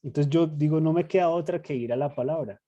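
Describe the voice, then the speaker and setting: Man, mellow slightly high voice, reflective teaching tone, repeats phrases, group Bible study. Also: fast, dull audio, a little hiss or hum. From Latin America. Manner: thoughtful, self-critical, repeats phrases.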